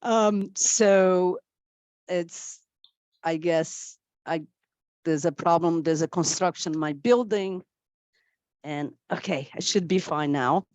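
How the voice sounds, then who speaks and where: A woman giving a talk over a video call, speaking from under a desk in a halting, apologetic way. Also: lowish voice, darkish tone, no room sound. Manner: halting, apologetic, many pauses. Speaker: guest speaker.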